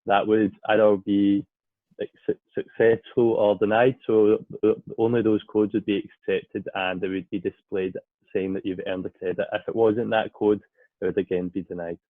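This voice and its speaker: A man's voice: on the low side, flat delivery, normal speed, dry recording. A male student from Scotland methodically explaining a technical simulation in a project presentation. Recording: tinny phone-like dry audio.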